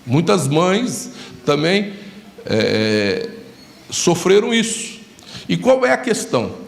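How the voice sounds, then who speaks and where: A man's voice: on the high side, very animated, slow, creaky, reverberant. A male pastor with a Brazilian Portuguese accent preaching a sermon, telling stories and acting out conversations with his congregation. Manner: storytelling, acts out dialogues, addresses congregation directly.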